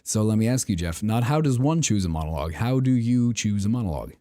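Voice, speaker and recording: A man co-hosts a casual conversation about acting in a playful, animated way, often circling back over his own words. His voice sits a little low and has a dark, mellow tone. It was recorded dry and close to the mic. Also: quick pace, no room sound. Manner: animated, repeats himself, playful. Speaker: co-host.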